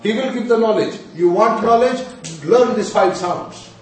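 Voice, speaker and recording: A man's voice: high-pitched, normal speed. A man with a North Indian accent giving a spiritual lesson in a didactic way, repeating phrases and asking rhetorical questions. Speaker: Vedic astrology and mantra teacher. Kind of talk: spiritual lesson with chanted syllables. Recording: very echoey room, distant mic, faint noise.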